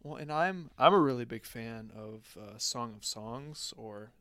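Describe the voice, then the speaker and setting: A man's voice: mid-range voice, animated, a little slow, fairly bright tone, no room sound. A man in casual podcast chat, talking in a wry, rambling way and laughing often. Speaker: podcast co-host.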